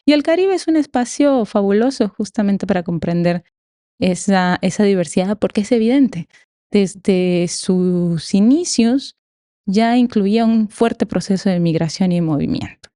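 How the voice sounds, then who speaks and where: A woman's voice: medium pitch, unhurried, warm tone, no echo, clean studio sound. A woman with a Mexican Spanish accent explaining ideas conversationally as an academic podcast guest, emphatic and given to rhetorical questions.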